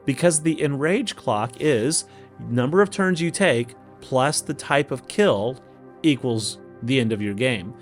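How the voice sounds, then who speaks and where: Animated yet a bit slow, a medium-pitched male voice carries an Oklahoma accent as he hosts a gaming video. He's from Oklahoma in the United States and chats casually about strategy to himself in a folksy manner, music underneath.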